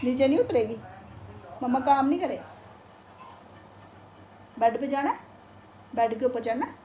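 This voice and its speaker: She sits high in pitch and speaks at a measured pace, though the recording cuts off the highs and carries slight hiss or hum. The speaker is a middle-aged woman vlogging casually from home, in the bedroom and kitchen, chatting with viewers and baby-talking her pet bird.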